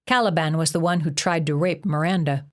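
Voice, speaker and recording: A woman's voice: low-pitched, fairly quick, close to an everyday voice. A woman narrator voicing a touchy teenage boy who hates being talked down to, in an audiobook. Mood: matter-of-fact.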